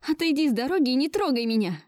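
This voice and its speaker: A woman voicing a distraught young woman who confronts her lover in shrill, near hysterical outbursts. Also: sing-song, fast, darkish tone, dry recording, clean studio sound. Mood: furious.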